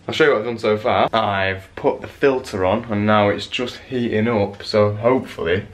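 A man's voice: on the low side, a bit bright, a little hiss or hum. A young man from England chatting casually in a self-mocking way as he vlogs his day at home. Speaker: vlogger. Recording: roomy sound with faint music.

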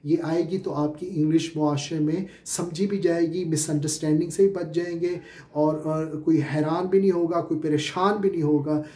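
A man's voice: a little high, fairly even intonation, moderate pace, dark tone, roomy sound. A Pakistani-accented man teaching spoken English as a lecture, explaining step by step with many filler sounds and repeated questions. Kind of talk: classroom-style lecture.

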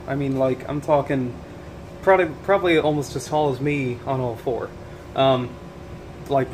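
Stuffed up from allergies, a young man records a casual daily vlog on a camera held at arm's length, both indoors in a house and outside by it. His medium-pitched voice rambles through many ums and restarts, and a slight hiss or hum can be heard.

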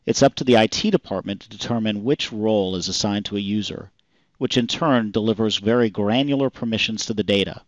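Male voice-over for a product demo: lowish, calm, explanatory, dry close-mic sound. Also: a little fast, dry recording. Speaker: software demo narrator. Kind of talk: scripted product demo narration.

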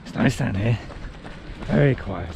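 A man's voice: fairly low pitch, animated, a little slow, vocal fry. Wry middle-aged man talking while running outdoors. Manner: talking while out running, in loose short phrases. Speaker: running vlogger. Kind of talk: casual rambling vlog commentary. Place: outdoors on city pavements and riverside paths. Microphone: action camera held at arm's length. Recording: outdoor traffic and ambient noise.

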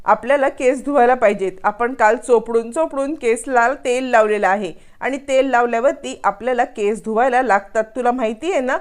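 A woman voicing a loud, stubborn young woman who defies everyone. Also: a little high, normal speed, few pauses, close to an everyday voice. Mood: defiant. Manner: loud, defiant.

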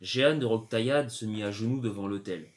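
A man reading a novel aloud in a measured, expressive storytelling manner. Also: fairly low pitch. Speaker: audiobook reader.

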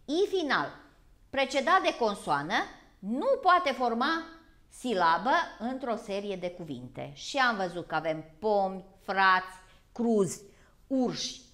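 A woman from Vojvodina with a local Romanian accent, teaching a school grammar lesson in a slow, deliberate way. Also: mid-range voice, very animated, fairly bright tone. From Vojvodina, Serbia. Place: broadcast TV lesson.

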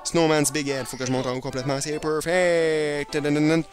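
Casting: Québécois man in his let's play, somewhat high voice, jittery nonstop chatter. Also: steady tone. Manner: hyper, rambling, talks nonstop and fast. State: slightly irritated throat. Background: video game music.

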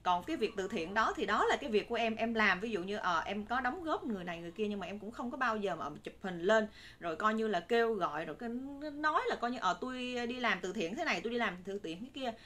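A woman's voice: mid-range voice, animated, fast talker, a bit bright. A woman in her thirties with a Southern Vietnamese accent, giving persuasive, repetitive live-stream sales patter to viewers from a room, into a phone. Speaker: live-stream shop seller. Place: indoor room with curtains and bagged stock. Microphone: phone a short distance away. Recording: noisy room recording on phone.

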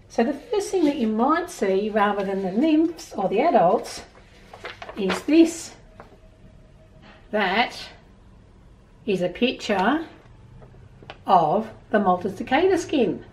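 Fairly high in pitch and recorded from afar, a middle-aged Australian woman hosts storytime in a small room at home. She reads to young children and explains things in an emphatic, expressive manner.

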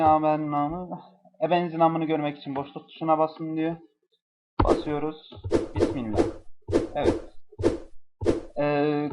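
A young man doing a profane, exasperated comedic review of a mobile game, cursing and yelling at it. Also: a little high, a little hiss or hum.

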